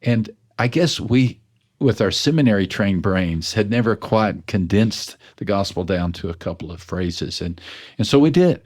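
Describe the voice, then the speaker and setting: Being interviewed as a guest, this pastor and author from West Texas talks at a moderate pace in a low, deep voice. His storytelling is earnest and self-deprecating, with sentences restarted mid-thought, and the exchange feels relaxed and reflective.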